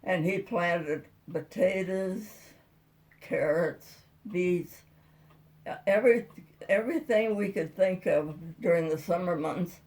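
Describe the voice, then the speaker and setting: In a casual oral-history interview, a centenarian woman recalls growing up, telling her stories in a folksy, rambling, plain way. Her voice is on the low side and darkish.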